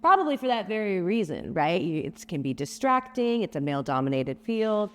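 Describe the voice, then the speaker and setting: A woman's voice: lowish voice, very animated, fairly quick. A woman co-hosting in casual chat, making emphatic points and checking in with "right?" and "okay?". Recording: long reverb.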